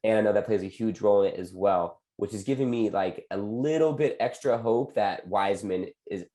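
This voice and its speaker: A man from the Bay Area co-hosting a casual sports podcast, talking in a relaxed, rambling way with lots of fillers. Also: on the low side, fairly quick. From San Francisco Bay Area. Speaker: podcast co-host.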